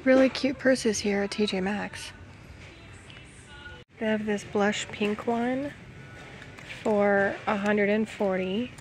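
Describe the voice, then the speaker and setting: A woman in her thirties narrates a shop-with-me vlog on a handheld camera, commenting on items one by one in an unhurried way with pauses, moving through store aisles and sometimes sitting in a parked car. Her medium-pitched voice comes through a rough recording with faint music and clear store ambience.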